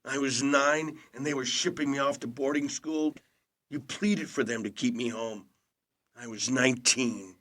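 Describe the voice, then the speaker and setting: Playing a self-blaming yet charming movie star who is an estranged older brother, a man acts in an intimate audio play at medium pitch. His delivery is measured and quietly intense, with dry teasing, and the mood is wounded and earnest.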